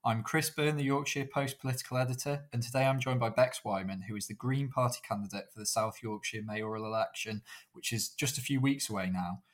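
A man's voice: medium pitch, a little fast, few pauses. A man hosting a political podcast, introducing his guest and asking friendly questions. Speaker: podcast host, political editor. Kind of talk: podcast interview.

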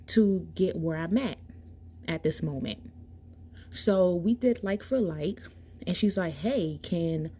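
Woman podcast host, lowish voice, emphatic and direct, casual monologue. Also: darkish tone, slight background noise. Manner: emphatic, impassioned, addresses listeners directly.

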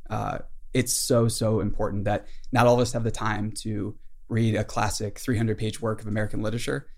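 A male podcast host telling a story in a relaxed, enthusiastic chat. His voice sits low with a gravelly fry, and he leans on fillers as he explains. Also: brisk.

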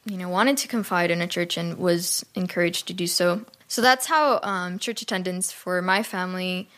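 A woman from Cuba, a podcast guest, telling her faith story in a slightly nervous way with soft laughs. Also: fairly low pitch, normal speed. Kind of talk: personal testimony chat.

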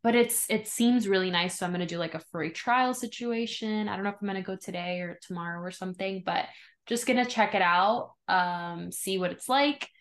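A woman's voice: medium pitch, fairly quick. A woman co-hosting a podcast in casual chat, informal and sweary, with "like" scattered through her sentences. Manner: informal, profane, frequent "like". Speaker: podcast co-host.

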